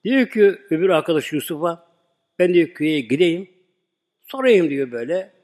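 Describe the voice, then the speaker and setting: A man's voice: fairly high pitch, big pitch swings, moderate pace, darkish tone, in a large hall. A man preaching a sermon, earnestly telling a religious story and acting out its dialogue for the congregation.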